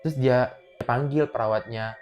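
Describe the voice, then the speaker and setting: A man telling a horror story in a casual spoken way, dramatic, sinking to hushed murmurs and then breaking into loud exclamations. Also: mid-range voice, normal speed, dull audio, faint music behind.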